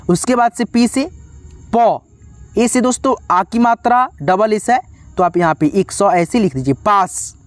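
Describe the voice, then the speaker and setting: A man's voice: high-pitched, no room sound. A man teaching an English spelling lesson step by step for beginners, speaking patiently and addressing his viewers as friends again and again. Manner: patient, repetitive, calls viewers "friends" often.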